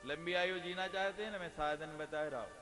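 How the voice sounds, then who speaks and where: A man's voice: a little high, brisk. A man preaching a devotional discourse who mixes humorous stories and jokes with questions put to the audience. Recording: long hall reverb, faint music.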